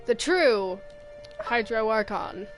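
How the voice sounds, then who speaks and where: A game streamer offers casual gameplay commentary, rambling and thinking aloud in a playful, exclamatory way. Her voice is slightly high, animated and slow, with video game music playing behind her.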